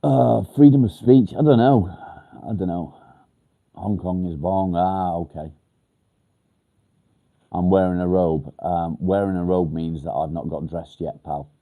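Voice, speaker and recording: A low, slightly slow voice with vocal fry and long pauses belongs to an English livestream host reading out viewer comments. He is blunt, casual and straight to the point, and a blocked nose makes him sound nasal and congested. The audio is narrow and tinny.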